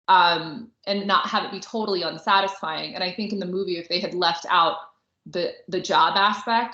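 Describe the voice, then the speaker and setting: Her voice low and sharp-toned, a woman co-hosts a podcast, discussing books and films in a casual, chatty way full of "like." The recording carries a roomy echo and sounds slightly dull.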